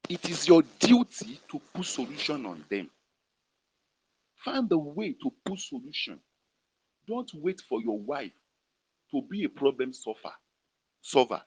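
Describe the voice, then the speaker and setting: A man's voice: fairly high pitch, sing-song, unhurried, pauses often, a little mellow, breathy edge, no room sound, low-quality recording. A man with a Nigerian Yoruba-influenced accent preaching a sermon as pastor, repeating lines for emphasis and leading the men in call-and-response. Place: prayer room gathering, fed to an online audience.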